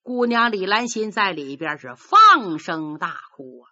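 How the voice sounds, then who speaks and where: A woman telling a traditional story in a lively, dramatic manner, voicing every character herself. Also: mid-range voice, a little slow. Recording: dull lo-fi recording.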